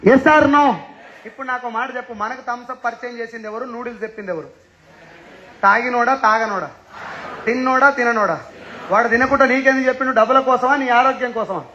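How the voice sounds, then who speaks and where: Male seminar speaker, Telangana accent, bright and forceful, teasing rhetorical style, lo-fi sound. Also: very high voice, a little fast, a little hiss or hum. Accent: Telangana Telugu. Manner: teasing, fires rhetorical questions at listeners. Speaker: motivational speaker addressing an audience. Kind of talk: lively seminar talk.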